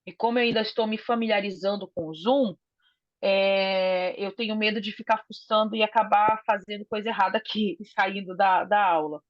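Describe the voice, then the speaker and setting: A woman's voice: mid-range voice, fairly even intonation, moderate pace, no echo. A woman teacher giving an online class by video call from her phone. She explains patiently and often tags her points with a question. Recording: dull lo-fi phone audio, dry.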